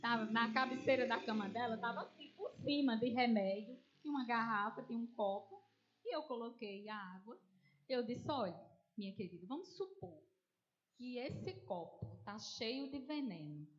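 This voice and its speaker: A woman's voice: a little high, moderate pace, lo-fi sound. A woman with a Northeastern Brazilian accent preaching a testimony, telling the story with animation and acting out the voices of people in it. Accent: Northeastern Brazilian Portuguese. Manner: animated storytelling, acts out quoted voices, addresses listeners as dear ones.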